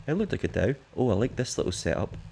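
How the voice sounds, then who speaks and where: A man's voice: fairly low pitch, sing-song, quick pace, gravelly, a little mellow, a little hiss or hum. A man giving chatty, joking commentary to viewers while playing a sailing game. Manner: chatty, jokey, talks straight to viewers. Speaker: game streamer. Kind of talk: casual let's-play commentary.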